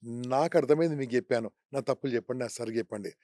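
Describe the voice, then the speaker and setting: A man talks fast and with drive, his voice mellow and a little high. He gives animated career advice in an interview, full of rhetorical questions. The sound is dry and close. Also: no echo. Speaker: career trainer.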